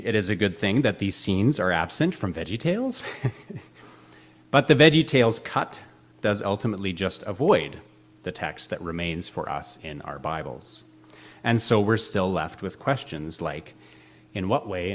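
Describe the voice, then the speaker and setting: Male preacher, low voice, thoughtful and questioning sermon delivery. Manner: measured, reflective, questioning. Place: church sanctuary with slides.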